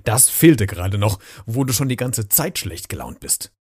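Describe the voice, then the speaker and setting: Man doing nosy neighbour animal, storybook, husky, lively pitch. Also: moderate pace.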